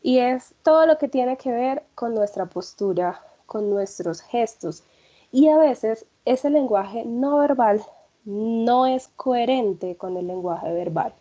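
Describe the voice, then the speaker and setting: A woman's voice: fairly high pitch, animated, slow pace, dark tone, highs cut off. A woman leading an online workshop, talking conversationally with frequent fillers and checking questions. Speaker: workshop facilitator.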